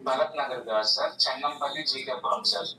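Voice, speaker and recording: A man's voice: medium pitch, a little fast, sharp tone, roomy sound, far from the mic, low-quality recording. A man in his forties phoning in to a call-in program, earnestly and politely describing his complaint. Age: 40s. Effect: phone-in caller heard over the line. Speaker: phone-in caller.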